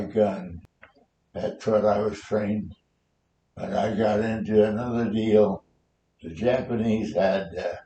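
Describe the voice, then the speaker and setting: Elderly American man, lowish voice, halting rambling storyteller, reminiscing, roomy echo with faint noise and rumble. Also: dark tone. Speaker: war veteran being interviewed. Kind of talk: oral history reminiscence.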